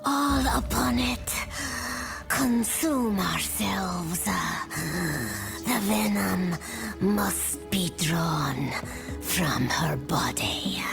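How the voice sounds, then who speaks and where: A woman voicing an ancient female forest spirit that speaks as a collective, heard as a layered whispering chorus of many voices, breathy and solemn. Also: on the low side, animated, drawn-out words, long pauses, exaggerated voice. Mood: ominous. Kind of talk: video game voice acting. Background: game music.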